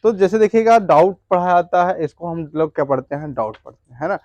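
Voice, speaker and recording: A man teaching a class, his voice a little higher than most men's and recorded dry and close. He keeps asking the class questions, then answers them himself and repeats the answer. He checks in with the class after each point. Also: animated, fairly quick, darkish tone, no room sound, muffled recording. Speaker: English teacher. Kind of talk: classroom lesson explaining English words.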